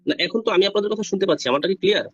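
A man's voice: high-pitched, very fast, fairly bright tone. A man joining a discussion over a remote internet call, his voice choppy and lagging, speaking politely and repeating short agreements. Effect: choppy, lagging internet call audio. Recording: dull lo-fi call audio from far off.

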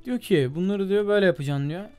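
Young male gaming host, slightly high voice, loose muttering commentary over soft game music. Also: fast, clean tone. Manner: chatty, mutters while trying, calls viewers "abi" and "gençler". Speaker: gaming YouTuber. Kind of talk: casual gameplay commentary.

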